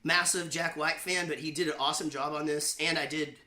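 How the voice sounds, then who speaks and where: Bright-toned man joking between songs. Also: fairly high pitch, a little fast. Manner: rambling, self-mocking, deadpan jokes. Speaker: singer hosting his own online show. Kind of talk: casual banter between songs. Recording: roomy echo with faint guitar.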